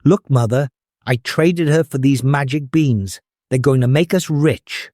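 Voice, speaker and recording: A man's voice: mid-range voice, unhurried, a little mellow, no room sound, clean studio sound, lightly acted. A man voicing a poor, earnest, hopeful young boy in a children's storybook.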